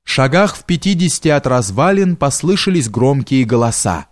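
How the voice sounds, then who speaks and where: A man's voice: medium pitch, sing-song, moderate pace, dry recording. Dry-voiced male audiobook narrator. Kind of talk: scripted literary narration.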